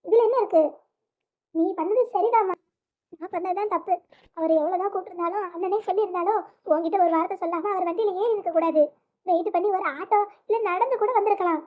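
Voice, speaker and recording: A performer voicing a gentle, apologetic young woman who pleads softly through tears. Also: very high voice, fairly even intonation, quick pace. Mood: pleading. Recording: tinny phone-like sound.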